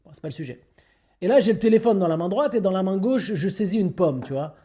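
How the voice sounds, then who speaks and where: A man's voice: sits high, animated, dark tone. A man voicing a boastful young fake tycoon who brags absurdly in slang. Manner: fast, cocky bragging with slang.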